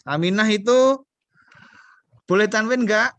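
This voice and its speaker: A man's voice: sits high, measured pace, a bit bright, no room sound. A man teaching a beginner Arabic class online, patient and coaxing, quizzing his students as he goes.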